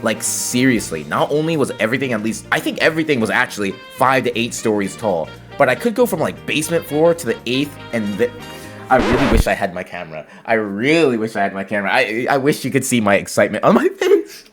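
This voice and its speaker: Brief: man, casual vlog narrator, rambly and excitable, mid-range voice, faint music underneath. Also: mid-range voice, quick pace. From California, USA. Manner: rambling, excitable, laughs often. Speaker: travel vlogger.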